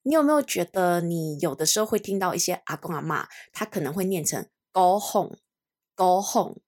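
Woman, young adult, podcast English teacher; lowish voice with lively swings, patient and slow when modeling phrases. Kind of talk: podcast pronunciation lesson.

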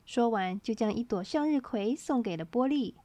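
A woman reads a children's storybook aloud in a high, sing-song voice. Her pitch bounces all over as she tells the tale. The recording is close and dry, with no room sound. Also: moderate pace, no echo. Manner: lively, expressive read-aloud.

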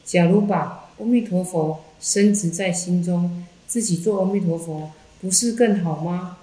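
A woman Buddhist teacher calmly reading a Buddhist text aloud in a measured way, in an echoey room. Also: lowish voice.

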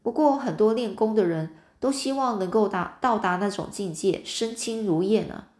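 A playful, easygoing twelve-year-old boy from a storybook, as a woman reading aloud puts him on. He teases gently and speaks at a mid pitch. The recording has a noticeable room echo. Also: moderate pace, natural voice. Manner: easygoing, teasing.

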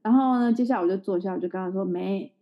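A woman's voice: medium pitch, rapid-fire. A woman in her thirties, a podcast co-host chatting casually and telling a family story with frequent laughter. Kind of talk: casual chat. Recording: slightly dull lo-fi recording.

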